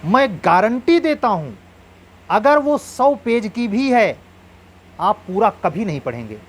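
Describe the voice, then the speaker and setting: A man's voice: high-pitched, sing-song, a little slow, husky. A man coaching exam candidates in an earnest, advising lecture, drawing on proverbs.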